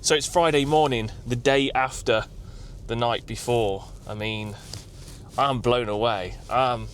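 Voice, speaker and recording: A man who works as a tree consultant, vlogging about his day in an excited, rambling, emotional way from his car. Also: medium pitch, unhurried, faint music behind. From England. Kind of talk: vlog. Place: outdoors at night, then in a car.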